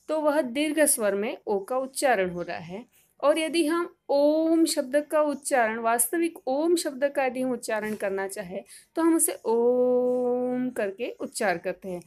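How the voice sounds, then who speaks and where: A woman's voice: on the high side, darkish tone. A middle-aged woman teacher giving a patient lesson, repeating key points and drawing out sounds as examples. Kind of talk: classroom lesson explanation.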